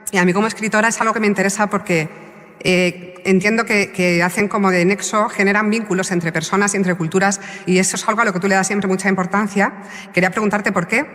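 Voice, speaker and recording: A woman's voice: medium pitch, a bit bright. A woman in the audience politely asking the speaker a question, with some hesitant fillers. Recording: long hall reverb.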